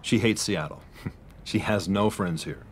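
An actor plays a middle-aged husband in a radio drama, earnestly confiding his worry. His voice is low, with faint noise in the background. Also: a little slow, close to an everyday voice. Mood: troubled, confiding.

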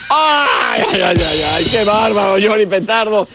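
A man putting on a lower, exasperated sidekick voice that cuts in on his own jokes. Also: animated, a little slow, vocal fry, shouting, over loud music, full character voice.

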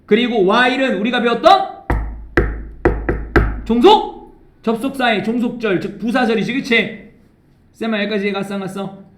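A man's voice: very high-pitched, unhurried, pauses often, echoey room, slight background noise. A man teaching English grammar in a lecture, drilling students with repeat-after-me prompts and checking their understanding again and again. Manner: keeps checking understanding with tag questions.

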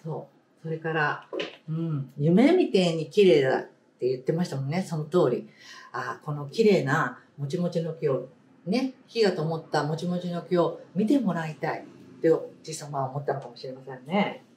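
A woman teacher leading a read-aloud lesson, speaking slowly and emphatically, repeating key words and asking the class questions. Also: sits low, animated, darkish tone, a little hiss or hum. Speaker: primary school teacher. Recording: roomy sound, distant mic.

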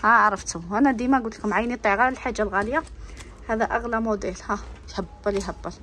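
This product showcase vlog features a woman with an Algerian Arabic accent, phone in hand inside a bag shop, rattling off prices and raving about the bags. Her medium-pitched voice is very fast, pushed, and bright, over a slight hiss or hum.

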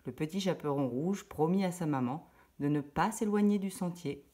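A woman reading a children's story aloud in a lively, expressive way. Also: low voice, normal speed, slight background noise.

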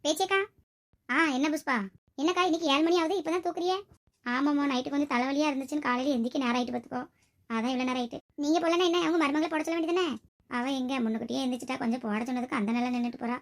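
A woman's voice: sits high, rapid-fire. A woman voicing a chatty, nosy village neighbor who gossips at length. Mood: gossipy.

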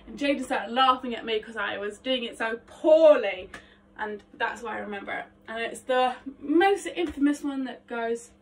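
A young woman vlogging her vocal warmup, chatty, rambling and self-mocking, her voice slightly phlegmy. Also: on the high side, a little hiss or hum. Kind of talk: casual vocal warmup vlog. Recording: voice a bit distant from mic.

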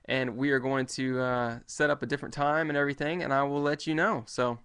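A man's voice: medium pitch, steady tone, a little fast, a bit bright, clear, resonant tone. Casual man hosting a welding livestream. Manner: loose and conversational, many fillers and restarts. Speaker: welding show host. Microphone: webcam at desk.

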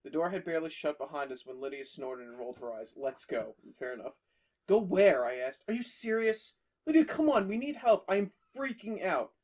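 On a podcast, a man with a slightly high, somewhat mellow voice casually reads a horror story aloud. He keeps breaking off for jokey banter with his friends.

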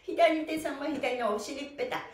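A middle-aged woman hosts a live online stretch class from a mat in a small indoor room, counting and chatting to participants cheerfully and encouragingly. Her high voice moves at normal speed, picked up by a camera a few steps away, with roomy echo and a little hiss or hum.

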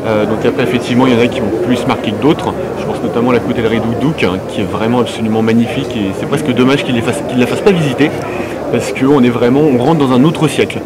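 A man's voice: medium pitch, fast talker, over a noisy crowd. A young man, a photographer, answering interview questions fluently and with enthusiasm. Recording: loud background noise.

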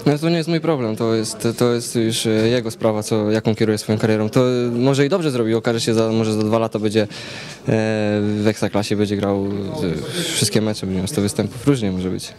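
Hesitant young footballer amid crowd noise. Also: male voice, lowish voice, fairly even intonation. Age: 20s. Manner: hesitant, halting with many fillers and repeats. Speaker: football player. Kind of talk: post-match interview. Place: noisy hallway by sponsor backdrop after a match. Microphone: several reporters' handheld mics held close. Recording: loud crowd noise behind. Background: loud crowd chatter.

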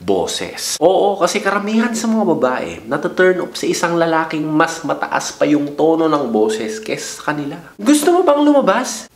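A man's voice: fairly high pitch, very animated, normal speed, vocal fry, few pauses. Young guy joking around to camera, teasing and slangy, echoey room. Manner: playful, slangy, teasing the viewer. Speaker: vlogger giving dating tips. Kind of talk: casual joking talk to camera.

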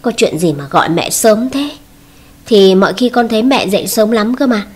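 A woman voicing a flustered young sister-in-law who speaks in an alarmed, hurried way in a storybook reading. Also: medium pitch, expressive, slightly rough.

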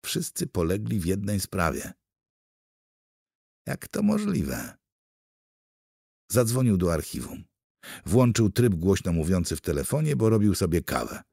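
Guy reading an audiobook, lively pitch, very dry close mic. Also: moderate pace, gravelly, slightly rough, no room sound. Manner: expressive, animated storytelling. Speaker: audiobook narrator. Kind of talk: scripted narration.

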